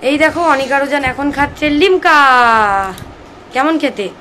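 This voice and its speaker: A woman's voice: sits high, a little slow, a bit bright, a little hiss or hum, poor audio. A young woman and mother chatting casually to her viewers in a family vlog. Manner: chatty, addresses viewers directly. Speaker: vlogger and mother of twin boys.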